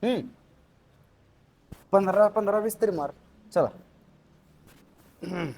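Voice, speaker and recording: A man's voice: high-pitched, takes it slowly, vocal fry, a little mellow. A man vlogging at the gym, energetically urging a friend through reps and counting sets. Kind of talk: casual gym vlog coaching. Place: gym indoors.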